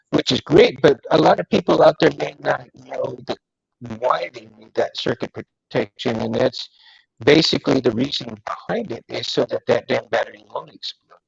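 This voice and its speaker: A man's voice: medium pitch, vocal fry, slightly rough, dry recording. A man hosting a casual live chat, rambling with many fillers, his voice coming through a tinny, broken tin-can-like connection. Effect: tinny tin-can phone-like connection. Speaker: livestream host. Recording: muffled lo-fi dry live stream audio.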